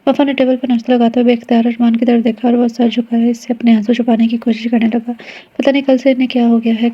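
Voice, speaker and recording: A woman narrating a romance novel aloud as an audio novel, reading at a steady, even pace. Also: on the high side, slightly rough. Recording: dull lo-fi recording.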